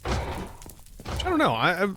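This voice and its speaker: An American streamer in his thirties plays a game while rambling, joking and talking to chat between actions. He speaks slowly in a high voice with huge pitch swings, and music plays in the background.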